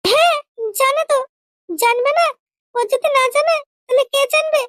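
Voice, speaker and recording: A squeaky cartoon girlfriend. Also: pushed and bright, no room sound. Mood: chatty. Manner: indignant, quick to take offense. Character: squeaky young woman, prim and touchy girlfriend. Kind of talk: cartoon comedy dubbing.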